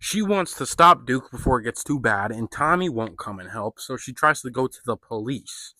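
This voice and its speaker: A man talks through a film review in a relaxed, profane way, leaning on slang and filler words. His voice is bright and forceful, and the recording is close and dry, with no room sound. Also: mid-range voice, moderate pace, no echo. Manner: loose and profane, heavy on "like" and slang. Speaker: movie reviewer. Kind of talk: casual spoken film review.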